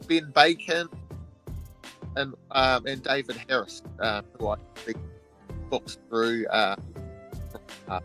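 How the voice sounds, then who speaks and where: A man's voice: mid-range voice, expressive, slow, pauses often, bright, forceful tone, faint music behind. A man chatting casually and hesitantly over a video call mic that keeps cutting out with crackle. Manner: hesitant, many fillers. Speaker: community show host. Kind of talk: casual chat.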